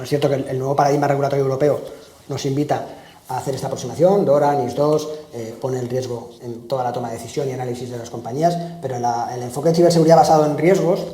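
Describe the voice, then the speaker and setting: A man hosts a relaxed interview podcast, talking in a chatty, friendly way and often restarting his phrases. His voice is mellow and warm, and the room adds a noticeable echo. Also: medium pitch, a little hiss or hum. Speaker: podcast host. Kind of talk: casual conversational interview.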